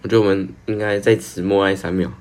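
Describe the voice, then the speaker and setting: A man's voice: deep voice, little pitch movement, fast, darkish tone. A teenage boy from Taiwan, co-hosting a casual podcast and giving short, laid-back replies. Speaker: podcast co-host. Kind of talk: casual chat.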